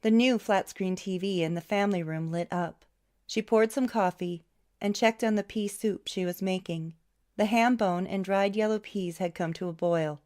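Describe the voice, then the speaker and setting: A woman reading a novel aloud as an audiobook narrator, in a steady, even storytelling way. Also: mid-range voice. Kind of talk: scripted narration.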